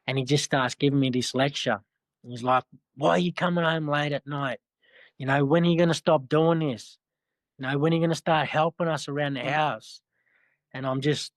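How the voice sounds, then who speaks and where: An Australian man telling his life story, halting and repeating himself with frequent "you know". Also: mid-range voice, a bit bright, no echo. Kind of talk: personal storytelling.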